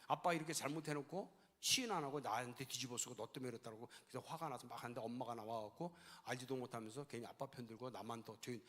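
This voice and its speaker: A man's voice: medium pitch, fast, hardly any pauses, fairly bright tone. An older man giving a sermon-style lecture, telling stories with animation and acting out the dialogues. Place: large church hall. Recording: long church-hall reverb.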